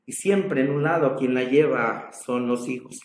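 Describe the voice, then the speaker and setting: A man's voice: mid-range voice, unhurried, reverberant. A man with a Mexican accent preaching a sermon in a church, dramatic and passionate in his storytelling. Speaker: pastor.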